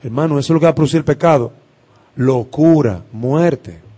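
A man preaching a sermon, impassioned, swinging from loud declarations to hushed words with emphatic pauses. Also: on the high side, breathy edge.

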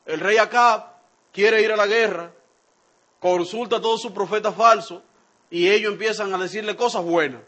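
A man's voice: sits high, normal speed. A man preaching a sermon, addressing the congregation directly and acting out the people he quotes with shifting voices. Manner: animated, acts out quoted speech with shifting voices.

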